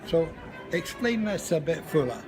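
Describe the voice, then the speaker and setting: An older man with a Scottish accent chatting casually, often pausing and searching for his words. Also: fairly high pitch, sing-song. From Scotland. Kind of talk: casual chat. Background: loud music and crowd.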